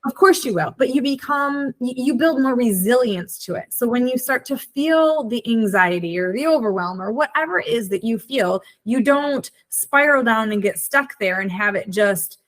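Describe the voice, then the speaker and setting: A woman's voice: a little high, lively intonation, moderate pace, few pauses. Forties woman, podcast host, reflective and conversational, voices her own inner thoughts. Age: 40s. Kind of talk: casual chat.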